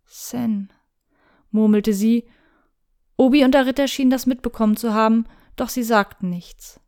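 A woman narrating a story aloud in a steady, even storytelling way. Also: fairly high pitch, quick pace, clear, resonant tone. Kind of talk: reading fan fiction aloud.

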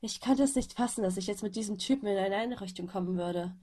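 A woman reading a first-person story aloud in a subdued, weary tone, her voice slightly husky from a cold. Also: fast, warm tone. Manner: subdued, weary low-key telling. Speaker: audiobook reader. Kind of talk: first-person fanfiction narration.

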